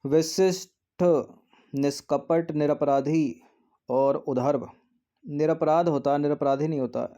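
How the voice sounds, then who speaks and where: A man walks through a practice test, repeating each word as he checks the answer. His voice sits a little high and sounds mellow and relaxed. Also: slow pace. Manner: explanatory, repeats words while checking answers. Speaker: exam prep teacher. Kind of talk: exam test walkthrough.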